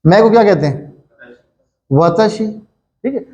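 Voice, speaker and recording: High-voiced Pakistani man teaching Japanese. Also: expressive, slow, a little mellow, dull audio. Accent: Urdu-speaking Pakistani. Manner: chatty, repetitive, with many "thik hai" checks. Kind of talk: classroom grammar lesson.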